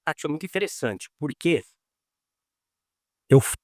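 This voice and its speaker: A man's voice: fairly high pitch, a little slow, no echo, clean studio sound. A man, a lawyer being interviewed, telling stories casually and acting out the dialogue as he goes. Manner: animated, acts out quoted dialogue.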